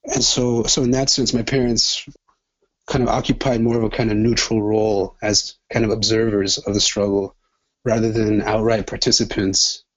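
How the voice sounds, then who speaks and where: With a lowish voice, little pitch movement and a normal pace, this twenties-aged man comes through on a muffled recording. He's a doctoral student born in El Salvador and raised in Los Angeles, a guest in a conversational interview who speaks reflectively with many restarts.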